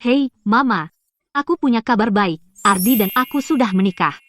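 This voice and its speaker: A young woman playing a gentle heroine recovering in hospital in a dubbed TV drama, speaking softly and tenderly. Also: on the high side, expressive, normal speed.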